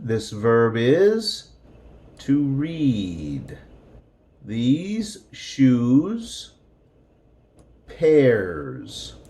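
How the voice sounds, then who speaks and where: A male English teacher speaking at a very slow, deliberate pace. He repeats words one by one for his learners, and his pitch moves up and down a lot. His voice sits in a middle register for a man. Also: a little mellow.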